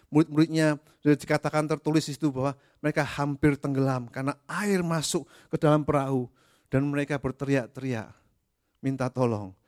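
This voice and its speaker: A man's voice: mid-range voice, a little mellow, no echo, studio quality. A man preaching as a pastor, emphatic and repeating key phrases, with hesitant fillers between them. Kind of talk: sermon.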